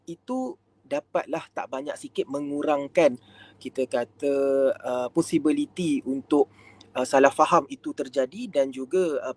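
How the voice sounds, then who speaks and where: Malaysian guy lecturing on a live stream, fairly high voice, dry close sound, lots of um and ah. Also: darkish tone, no room sound. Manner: frequent fillers, mixes in English words. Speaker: counselor giving a talk.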